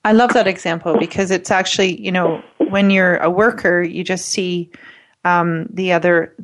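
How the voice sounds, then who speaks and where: A woman's voice: on the low side, fairly even intonation, moderate pace. Chatty woman hosting a radio show. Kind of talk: radio interview.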